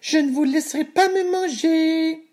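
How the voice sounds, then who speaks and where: A man voicing a tiny, cheeky, boastful gingerbread boy in a squeaky, taunting sing-song for a storybook reading. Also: unhurried, a little mellow.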